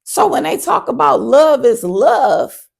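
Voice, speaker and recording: A woman in her thirties co-hosting a podcast, chatting candidly and with emphasis, often jumping into high-pitched quoted asides. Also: big pitch swings, slow pace, gravelly, slightly rough. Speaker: podcast co-host. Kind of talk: casual chat.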